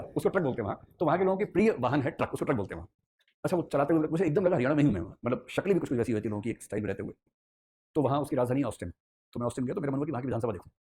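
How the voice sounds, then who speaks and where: A man's voice: mid-range voice, a little mellow. A man teaching an ethics class, telling a story with playful asides in a classroom lecture.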